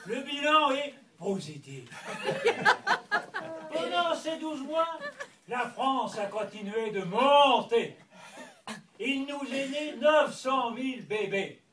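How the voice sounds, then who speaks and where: A man performing a comic stage sketch in a slow, solemn manner, like a formal address. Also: extremely high pitch, big pitch swings, a bit bright, slight background noise. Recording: distant mic in an echoey hall.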